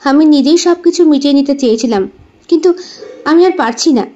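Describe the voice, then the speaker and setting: A woman voicing a hot-tempered young woman in an audio story, sharp in anger and pleading when troubled. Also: sits high, a little fast, pitched above the performer's own voice, natural voice. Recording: dull lo-fi recording.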